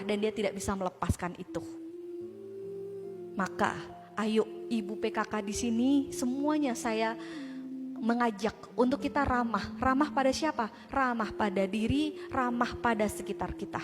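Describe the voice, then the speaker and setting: A woman giving an animated, conversational religious talk to a live audience of women, often asking the crowd rhetorical questions. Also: a little high. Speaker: speaker addressing a women's community group. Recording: long hall reverb with music behind.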